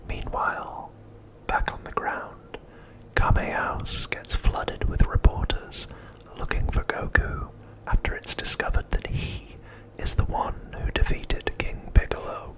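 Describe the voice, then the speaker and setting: An ASMR channel host reads out summaries in a steady, soft, unvoiced whisper. He speaks slowly and deliberately, pausing between phrases, and the recording is rough.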